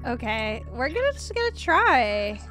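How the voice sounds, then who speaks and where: High-voiced, gushing young woman streamer. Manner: gushing, excitable, lots of delighted exclamations. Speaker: Roblox game streamer. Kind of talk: live gameplay stream chat.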